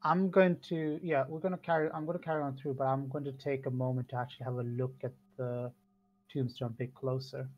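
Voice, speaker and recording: A man's voice: mid-range voice, flat delivery, fairly quick, dull audio. A man playing a tabletop game, casually moving between describing actions and speaking in character. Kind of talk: casual in-character role-play.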